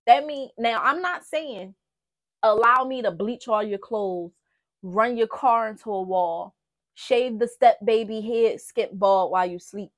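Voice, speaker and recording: A woman's voice: fairly high pitch, unhurried. A woman hosting a podcast, giving blunt, profane relationship advice in a casual, emphatic way, speaking. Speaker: podcast host. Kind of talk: candid relationship talk.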